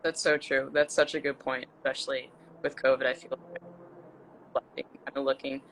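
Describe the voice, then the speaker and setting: A woman's voice: deep voice, pushed and bright, slight background noise, poor audio. A woman in her twenties from Central Maryland, hosting a casual live video interview and chatting encouragingly with her guest. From Central Maryland, USA. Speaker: host.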